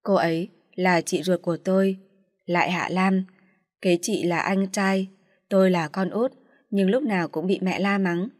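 A woman calmly reading a first-person story. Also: lowish voice, unhurried, no echo, studio quality. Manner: calm, even reading.

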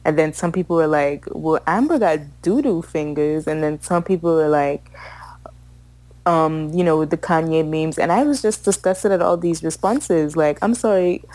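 Opinionated woman with a low dry voice. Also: normal speed, darkish tone, dry recording, rough recording. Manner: opinionated, laughs often, swears freely. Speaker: podcast co-host. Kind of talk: casual chat.

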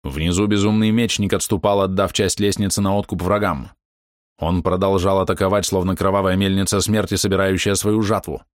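A man giving steady, measured first-person narration of a fantasy audiobook. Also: low voice, no echo, clean studio sound.

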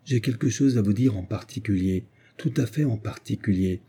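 A man voicing an agitated, tipsy, timid male doctor who pleads in a hushed, fretful way. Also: lowish voice, normal speed, slightly rough. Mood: pleading.

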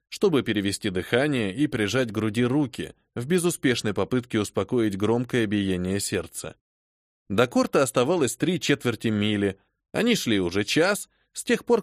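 This is scripted narration from a male audiobook reader whose delivery stays measured and level. His pitch is medium, and the studio-quality recording carries no room sound.

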